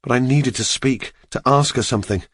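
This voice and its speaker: A man narrating an audiobook in the first person, steady and measured. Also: medium pitch, dry recording, studio quality.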